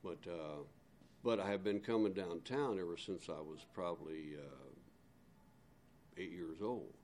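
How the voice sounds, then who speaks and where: A man's voice: deep voice, a little slow, a little mellow, slight background noise. An older man, a barber, reminiscing in a casual conversation, easygoing with frequent fillers.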